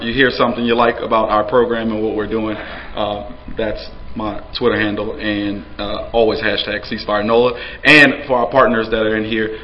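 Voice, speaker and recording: A man's voice: on the low side, highs cut off. Earnest New man presenting, lots of fillers. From New Orleans, USA. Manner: frequent fillers, earnest, conversational. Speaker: city official giving a presentation. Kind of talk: conference presentation.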